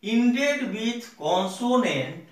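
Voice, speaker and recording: Male teacher, high lively voice, measured delivery with repetition; recorded far from the mic in an echoey room. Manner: slow, repeats points for the class. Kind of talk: grammar lesson. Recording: roomy echo, distant mic.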